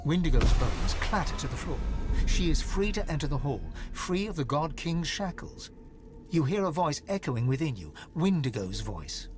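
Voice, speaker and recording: An actor narrating a dark fantasy video game as a solemn storyteller, in a grave, measured, literary manner. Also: male voice, on the high side, big pitch swings, music in the background. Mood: grave, dramatic. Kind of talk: dramatic scripted fantasy narration.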